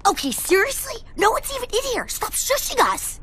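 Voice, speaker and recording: A woman's voice: very high-pitched, very animated, normal speed, fairly bright tone, a little hiss or hum, heavily acted. A woman voicing an exasperated, snappy teenage girl.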